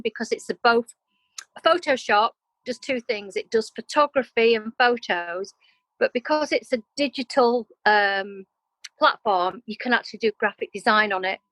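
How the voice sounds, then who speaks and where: A middle-aged creative business owner from Yorkshire and North Wales tells personal stories openly and expressively as an interview guest, her Yorkshire accent touched by Welsh. Her voice is highish, bright and forceful, and the audio is poor though free of echo.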